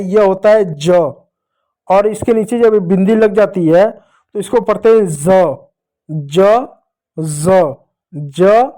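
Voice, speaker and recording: Male teacher, mellow voice, drills letter sounds slowly for young learners, asks and answers his own questions. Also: high-pitched. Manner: slow, drawn-out pronunciation drills with repeated checks. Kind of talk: children's Hindi reading lesson.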